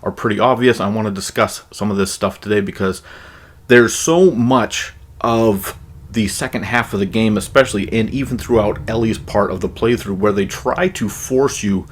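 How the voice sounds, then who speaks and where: A man talking straight to his viewers as a gaming commentator, making an emphatic, argumentative case in his opinion commentary. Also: moderate pace. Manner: emphatic, argumentative, mocks enemy voices in high falsetto. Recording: console capture voice-over.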